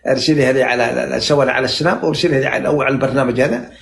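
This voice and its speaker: Fast-talking Najdi man in his sixties. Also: medium pitch, creaky, slight background noise. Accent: Najdi Saudi Arabic. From central Saudi Arabia. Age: 60s. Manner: rambling and flattering, full of "yaani" fillers and restarts. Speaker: dream interpreter on a live stream. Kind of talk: casual live chat. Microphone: phone on a live stream.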